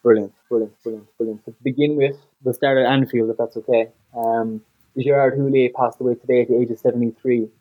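A man's voice: mid-range voice, fairly even intonation, fast, narrow, tinny audio. A man hosting a football podcast panel, introducing guests in a somewhat hesitant way. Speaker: show host.

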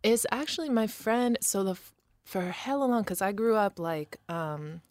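A woman's voice: medium pitch, moderate pace, darkish tone, no room sound, clean studio sound. A woman guest from Rochester, New York, and Samoa, chatting casually and using slang. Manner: chatty, uses slang like hella. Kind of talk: casual interview.

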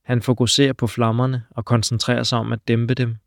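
A man narrating an audiobook, steady and measured in his delivery. His pitch sits in an ordinary middle range. The recording is dry, with no room echo. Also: vocal fry.

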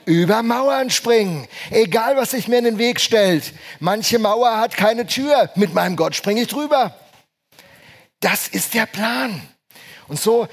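High-voiced emphatic preaching man. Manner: emphatic, asks the congregation questions. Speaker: pastor. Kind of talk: sermon.

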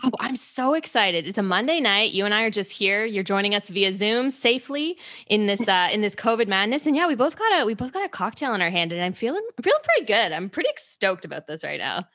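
A woman's voice: mid-range voice, very animated, fast talker, hardly any pauses, bright, forceful tone, no room sound, clean studio sound. A woman hosting a casual music podcast over cocktails, bubbly and enthusiastic. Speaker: podcast host. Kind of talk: casual chat over drinks.

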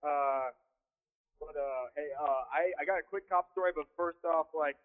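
A man's voice: a little high, moderate pace. Man calling in over a tinny phone line. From Kansas. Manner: rambling, many fillers. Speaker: caller. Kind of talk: casual storytelling.

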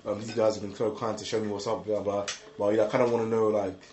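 A young man telling an excitable, slangy story with lots of repeated words and laughter. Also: on the low side, fast, roomy sound, a little hiss or hum. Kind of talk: animated casual storytelling.

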